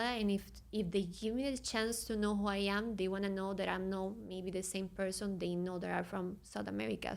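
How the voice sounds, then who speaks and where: Her voice is gravelly and medium in pitch, carrying a Venezuelan Spanish accent. Appearing as a podcast guest from Venezuela, she gropes for English words while speaking earnestly in a thoughtful interview conversation.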